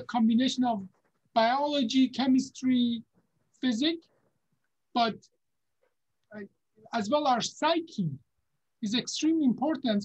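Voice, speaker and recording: An Iranian neurosurgeon offers career advice over a video call from his home office, speaking in a very high, breathy-edged voice. He's unhurried and halting, with many fillers and restarts, and the webcam audio sounds dull and lo-fi.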